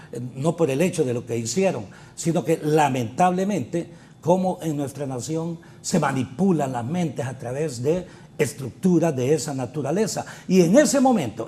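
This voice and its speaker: Emphatic politician, higher voice. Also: male voice, warm tone. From Honduras. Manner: argumentative, emphatic with rhetorical questions. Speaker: politician guest. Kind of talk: political interview commentary.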